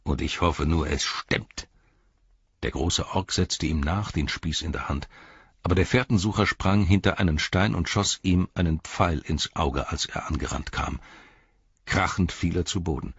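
A man reading a fantasy audiobook as narrator, with a lively, dramatic delivery. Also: low voice, normal speed, husky, no echo, highs cut off.

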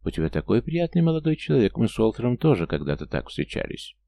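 A man's voice: mid-range voice, big pitch swings, fast talker, gravelly, dark tone. A man voicing a falsely sweet, gushing middle-aged aunt in an audiobook. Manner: sugary, effusive.

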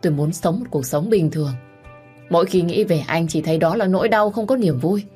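A woman's voice: fairly low pitch, a little fast, darkish tone, breathy edge, soft background music. A woman voicing a grief-stricken young pregnant woman who pleads through tears, in a storybook reading. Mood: bitter, cold. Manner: sobbing, pleading.

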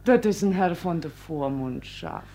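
A woman's voice: deep voice, big pitch swings, a little slow, warm tone. An actress playing a desperate, tearful young servant girl who speaks broken German, in 1950s radio play style. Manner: broken German, pleading then defiant.

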